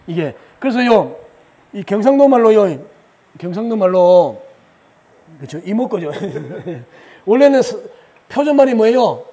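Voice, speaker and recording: A man lectures at a religious retreat in a high voice that swoops up and down. His tone is mellow and a little husky. He keeps asking the room questions, answers them himself, and chuckles along the way. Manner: chuckles often while he explains. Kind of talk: lively spoken lecture.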